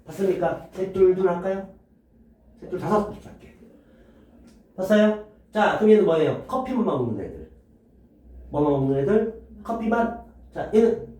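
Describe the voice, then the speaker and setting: Male math teacher, animated questioning lecture, mellow tone, roomy echo from a distance. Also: sits high, moderate pace, long pauses. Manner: lively, quizzing students with rhetorical questions. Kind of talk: classroom lecture. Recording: echoey room, voice from a distance.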